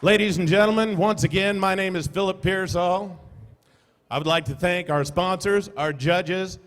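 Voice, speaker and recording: A man competing as an auctioneer, calling bids in a rapid rhythmic chant and describing items to sell. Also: sits high, a bit bright, some chatter behind. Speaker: auctioneer contestant. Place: large event hall. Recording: long hall reverb.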